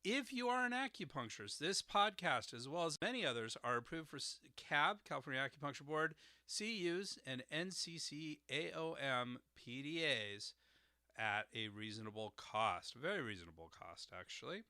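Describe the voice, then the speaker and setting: A man hosts a solo educational podcast, walking through terms and spelling out words with frequent hesitant uhs. His voice is strikingly bright and forceful. The sound is dry, with no room echo. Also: a little high, animated, moderate pace. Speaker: podcast host explaining herbal formulas.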